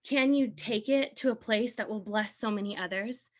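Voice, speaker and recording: A woman's voice: fairly high pitch, normal speed. A woman team leader giving an earnest, encouraging motivational talk. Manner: earnest, encouraging, sometimes laughing.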